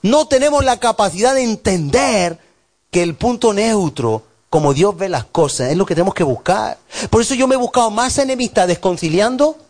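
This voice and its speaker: A male pastor preaching with animated, emphatic energy, stacking up lists of words for effect. His voice sits a bit high for a man. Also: moderate pace. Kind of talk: sermon.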